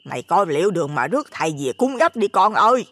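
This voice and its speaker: A man voicing a nosy, superstitious old village woman with a Southern Vietnamese accent, loud and chattering. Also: high voice, big pitch swings, quick pace, voice pushed up, full character voice. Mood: hushed gossip.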